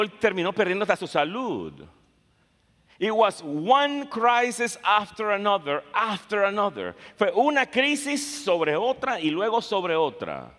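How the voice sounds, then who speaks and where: A man's voice: sits high, fairly bright tone. A man preaching a sermon, switching between languages line by line, emphatic and repeating phrases for stress. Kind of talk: bilingual sermon, English and Spanish in turn. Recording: long reverb of a large hall.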